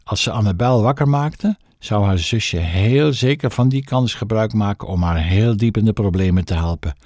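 A man narrating a children's audiobook in an expressive storytelling manner. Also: lowish voice, normal speed, no room sound, studio quality. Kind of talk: scripted narration.

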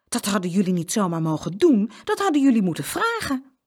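A woman's voice: mid-range voice, huge pitch swings, fairly quick. A woman voicing a mother in a children's storybook, firm and scolding. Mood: cross. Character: stern but kind young mother.

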